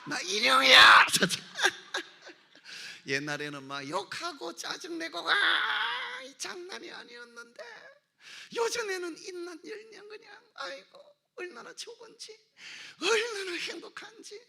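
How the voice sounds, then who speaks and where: High, brassy woman worship leader, big swoops, slow and gravelly, shouts and jokes. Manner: animated, shouting exclamations, comic asides. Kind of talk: lively church exhortation. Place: church sanctuary.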